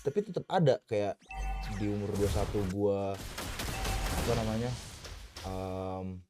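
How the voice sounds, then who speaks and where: A man's voice: fairly low pitch, animated, measured pace. Slangy young man streaming over game music. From Indonesia. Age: 20s. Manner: slangy, swears often, breaks off mid-thought to react to the game. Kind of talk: casual rambling chat while gaming.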